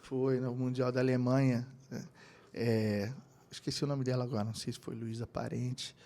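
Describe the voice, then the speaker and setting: A man's voice: mid-range voice, moderate pace. A middle-aged man from Brazil, a keyboardist and producer telling anecdotes in a casual interview. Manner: animated anecdotes with quoted voices and laughter. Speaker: guest, keyboardist and music producer.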